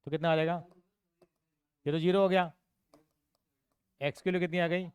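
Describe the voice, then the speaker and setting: A man teaching a class, talking through each step and asking his students quick questions. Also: fairly high pitch, fairly even intonation, smooth, dry recording. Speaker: accounts and maths tutor.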